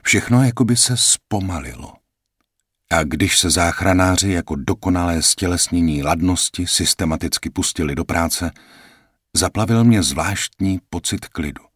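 A man with a very deep, husky voice reads a first-person audiobook. He narrates calmly and reflectively at a measured pace. The sound is dry and close. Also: no echo.

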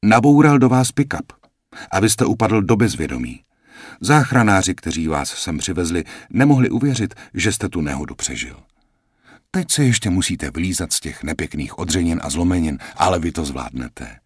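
A man voicing a brisk, cheerful young female nurse in an audiobook reading, chattering and reassuring. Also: deep voice, very animated, husky, no echo, studio quality, exaggerated voice. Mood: chatty.

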